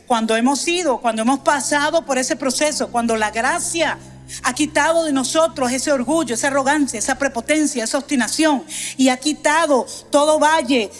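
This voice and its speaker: A middle-aged woman pastor preaching from the pulpit, her high voice swelling into emphatic declarations and then sinking to hushed asides. Her voice rings with the long reverb of a church, over soft music. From Venezuela. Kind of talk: sermon. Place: church sanctuary.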